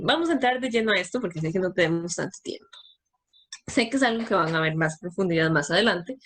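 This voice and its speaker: A woman's voice: medium pitch, husky. A woman giving a talk to parents, explaining step by step and answering her own questions.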